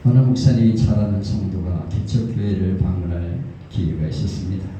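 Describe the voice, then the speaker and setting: A man's voice: low voice, brisk, warm tone. A middle-aged man preaching a conversational sermon as pastor, telling stories and acting out quoted voices. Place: church sanctuary. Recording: echoey, distant room sound with faint noise.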